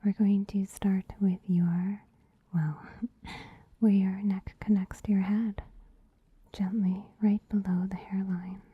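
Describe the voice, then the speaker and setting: A woman voicing a gentle, soothing female bunny spa attendant in an ASMR roleplay, whispering softly into a close microphone with a teasing, giggly manner. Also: mid-range voice, flat delivery, slow, slightly rough, narrow, tinny audio. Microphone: close mic.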